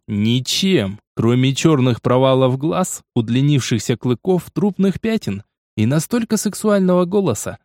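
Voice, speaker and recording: Male narrator, scripted audiobook reading, steady storytelling, fairly high voice. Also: no room sound, clean studio sound.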